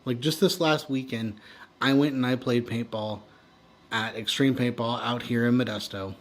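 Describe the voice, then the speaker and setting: A man's voice: medium pitch, fairly even intonation, normal speed. An American man in a candid, unscripted rant, sounding worn out and weary, speaking frankly and trailing off. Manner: exhausted, weary, sighing and trailing off; frank, swearing. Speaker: vlogger venting personal frustrations.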